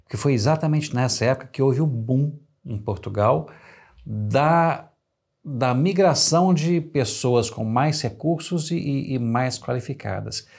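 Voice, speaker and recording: A man with a gravelly, husky voice hosts an interview. As a lawyer, he explains things in a reflective, measured way at a medium pitch. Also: a little mellow. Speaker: host, lawyer. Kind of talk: interview conversation.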